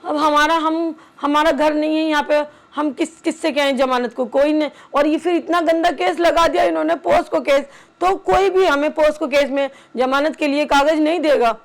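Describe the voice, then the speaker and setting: A middle-aged woman speaking haltingly, with many pauses, about her family as a mother. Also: sits high, fairly even intonation. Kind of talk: emotional personal testimony.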